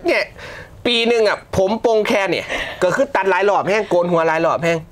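A young man with an Isan accent, a film director guest chatting casually in an interview, relaxed, laughing easily and swearing now and then. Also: high voice, brisk.

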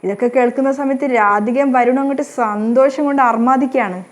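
A woman recapping a TV serial in casual, animated storytelling narration with a dramatic flair. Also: high voice, quick pace.

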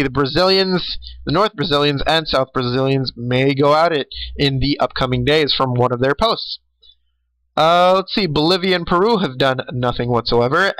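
A man's voice: fairly high pitch, fairly bright tone, no room sound, rough recording. A tired young man hosting a casual recap of an online strategy game, rambling with fillers and small laughs. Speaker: game host.

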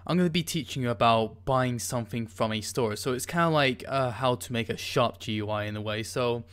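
A man's voice: medium pitch, brisk, fairly bright tone, clean tone. A man hosting a casual coding tutorial, talking through his screen with many ums and restarts as he types. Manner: casual, hesitant, many ums while typing. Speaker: tutorial host.

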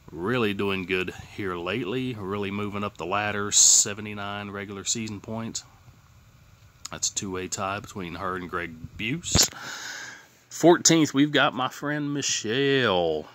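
A man's voice: on the low side, bright, forceful tone, no echo. A man casually hosting a vlog for followers, informal and repetitive, speaking a little oddly with a sore, healing tongue. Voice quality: slightly impaired speech from a sore, healing tongue. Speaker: host of a fan contest channel. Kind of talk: casual vlog talk, reading standings and chatting to followers.

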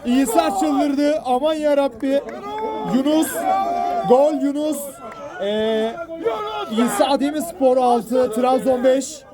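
A man giving excited, exclamatory live football commentary, often repeating phrases and players' names. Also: slow pace, very noisy. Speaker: match commentator. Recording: loud crowd behind, outdoor match. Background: cheering crowd at an outdoor pitch.

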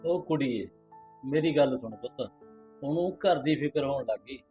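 A middle-aged man acting a calm father who speaks in a wise, reassuring way. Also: medium pitch, normal speed, muffled recording, soft background music, lightly acted. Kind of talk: short film dialogue.

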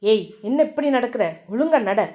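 A woman voicing a stern young man who speaks in a low, curt, teasing way. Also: moderate pace, a little mellow, lightly acted.

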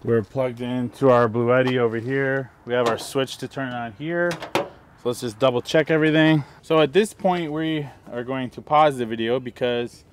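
A middle-aged camping vlogger casually demonstrates a product setup step by step, handling gear outdoors in sunny woods beside a vehicle. His mid-range voice holds a steady tone at a moderate pace, with slight background noise.

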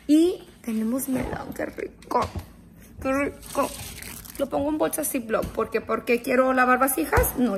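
Lady rambling through her day vlog, bit high voice, english words here and there, noisy phone audio w car sounds. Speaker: vlogger. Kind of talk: casual day-in-the-life vlog.

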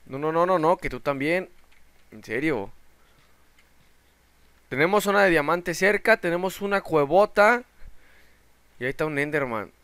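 Young male gamer, excitable let's play commentary, smooth voice, dry close sound. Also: a little high, normal speed, pauses often, no echo. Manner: excitable, shouts in panic at sudden dangers. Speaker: gaming channel host.

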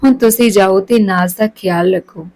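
A sincere young man in love, anxious and tender, talking things through with feeling, as a woman reader puts him on. The voice stays close to her own, only a touch lower, for a storybook reading. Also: moderate pace, a little mellow, close to an everyday voice, rough recording. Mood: pleading.

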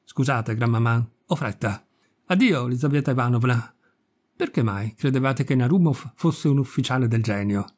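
A man reading a brisk young gentleman. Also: mid-range voice, natural voice. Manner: brisk and hurried. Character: young gentleman officer, the countess's grandson.

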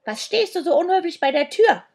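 A woman's voice: animated, normal speed, creaky, heavily acted. A woman voicing a rude, hard-of-hearing old female swamp hag who shrieks and snaps at children. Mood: shrieking. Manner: shrill, shrieking and snapping.

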